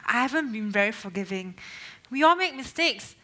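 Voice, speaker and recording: A young woman acting in a student play as a principled friend who speaks sincerely and in a measured way. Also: fairly high pitch, lively intonation, sharp tone.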